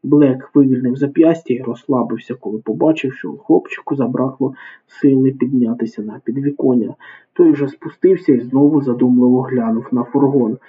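A man reading a crime novel aloud as audiobook narration, steady and dramatic. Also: mid-range voice, normal speed, breathy edge. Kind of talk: scripted narration. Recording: tinny phone-like sound.

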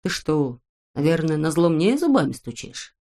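A woman's voice: sits low, sing-song, normal speed, warm tone, heavily acted. A woman voicing a sour little boy who grumbles and complains. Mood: grumbling.

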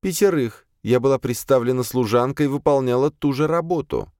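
A man's voice: mid-range voice, brisk, darkish tone, no room sound, studio quality, pitched above the performer's own voice, natural voice. A man voicing a timid female demon maid. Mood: subdued, confessing. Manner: timid, deferential, pleading. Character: young female demon posing as a servant, meek.

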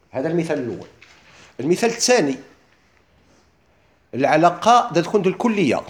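A man teaches in a Moroccan accent, firing questions at his listeners and answering them himself. He talks fast, with a voice a little higher than most men's. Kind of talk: lesson on classical Arabic rhetoric.

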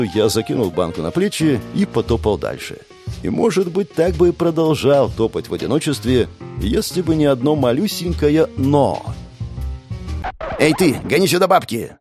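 A man narrating a comic fantasy novel in the first person, with an ironic, lively storytelling manner. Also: medium pitch. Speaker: audiobook narrator.

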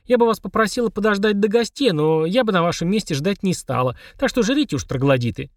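A man voicing a harried mother of twins who scolds in a sharp, exasperated way. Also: high voice, animated, fast, no echo, studio quality, pitched above the performer's own voice.

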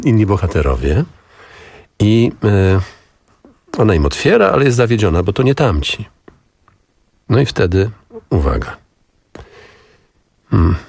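Low husky radio host. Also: male voice, a little mellow, dry recording. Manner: improvising, musing, many restarts. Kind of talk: radio talk show. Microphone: studio microphone.

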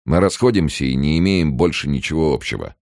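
A man's voice: rumbling low, animated, brisk, darkish tone, no room sound, clean studio sound, voice pushed up. A man reading an audiobook and voicing a selfish, cowardly young male student in a nervous, wheedling manner. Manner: anxious, wheedling, turning nasty.

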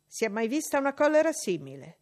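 A woman's voice: a little high, sing-song, fast, a little mellow, pitched above the performer's own voice. A woman reading an audiobook voices a flustered nursemaid, exclaiming in exasperation. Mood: exasperated. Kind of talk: audiobook character voice.

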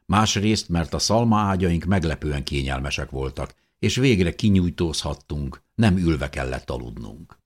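A man's voice: low-pitched, slightly rough. A man narrating a novel in the first person, telling the story expressively as an audiobook reader.

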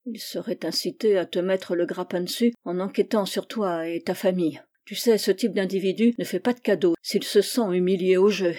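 A woman reading the part of a frightened middle-aged café owner, speaking in a hushed, urgent way. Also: lowish voice, normal speed, few pauses, lightly acted. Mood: fearful.

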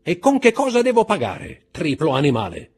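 A man voicing a hungry, indignant middle-aged banker held prisoner, pompous and exasperated, in a husky voice. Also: a little high, big pitch swings, moderate pace, voice pushed up.

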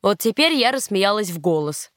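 A woman narrates a first-person novel in a calm, wry storytelling manner. Her voice sits in a middle register, close to the mic in a dry room. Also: medium pitch, moderate pace, dry recording. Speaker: audiobook narrator.

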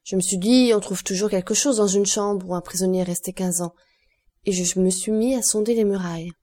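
A woman's voice: mid-range voice, steady tone, fairly quick, warm tone, lightly acted. A woman voicing a humble, talkative male prison guide in an audiobook, speaking eagerly and deferentially. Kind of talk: audiobook character voice.

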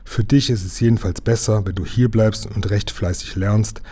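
A man's voice: on the low side, fairly even intonation, normal speed, mellow, husky. A man reading a storybook aloud, voicing a brave, slightly boastful young boy who talks firmly.

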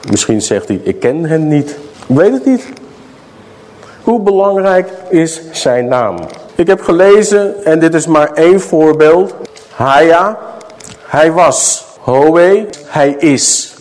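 Middle-aged guy preaching in a church hall, high lively voice, talks slow and asks the crowd stuff. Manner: questions the audience, dramatic slow emphasis. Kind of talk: sermon.

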